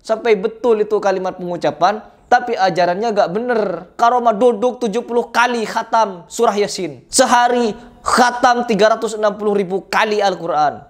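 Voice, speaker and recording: A man's voice: high-pitched, normal speed. A man giving indignant, preachy reaction commentary full of rhetorical questions. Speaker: religious commentator reacting to videos.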